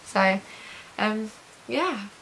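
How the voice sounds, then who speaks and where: Very slow and expressive, a woman's medium-pitched, slightly bright voice carries a casual video diary update. She chats to camera in an informal, positive, reassured way, repeating intensifiers, over a hissy home recording.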